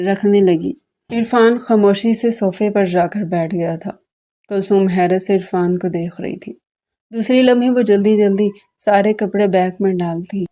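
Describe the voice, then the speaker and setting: A woman narrating a romantic novel aloud in a steady storytelling manner. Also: medium pitch.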